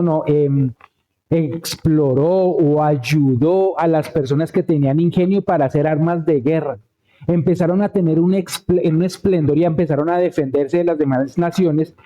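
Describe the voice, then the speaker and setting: A man's voice: fairly high pitch, mellow, lo-fi sound. A man preaching a conversational sermon, telling a Bible story and checking in with the congregation. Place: church.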